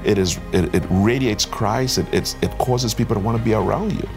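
A man's voice: lowish voice, fairly quick, music in the background. A man from Trinidad and Tobago, a pastor giving an earnest testimony and exhortation. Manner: earnest, emphatic preaching cadence.

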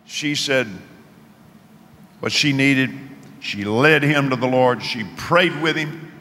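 A bright-voiced preacher with a drawl tells his story, swinging from near-shouts down to quiet asides. His voice rings through a large hall with a long echo and a faint hiss behind it. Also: slow pace. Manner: animated, rising to shouts, drops low for asides. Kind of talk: sermon storytelling. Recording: echoey hall with faint noise.

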